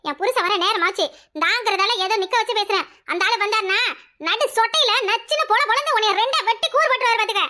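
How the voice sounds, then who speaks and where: This is cartoon voice acting, with a woman portraying a sharp-tongued village housewife who picks quarrels. She scolds quickly in a Kanyakumari Tamil accent, using a very high voice.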